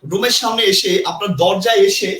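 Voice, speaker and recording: A man teaching a live online grammar class, energetic, repeating points and quizzing his viewers. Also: sits high, brisk, echoey room, heavy background noise. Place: indoor room with a ceiling fan.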